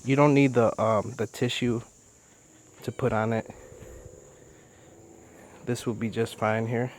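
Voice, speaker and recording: A man's voice: medium pitch, takes it slowly, a little hiss or hum. Casual male DIY vlogger, mid-range voice, chatty how-to delivery, crickets faintly behind. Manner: relaxed, chatty, step-by-step explaining with fillers. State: a little out of breath. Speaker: DIY boat builder.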